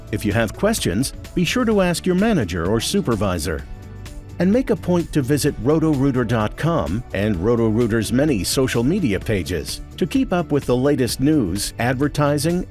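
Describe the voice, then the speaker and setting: A man's voice: medium pitch, very animated, normal speed, darkish tone, faint music behind. An American man reading scripted corporate narration for an employee training video.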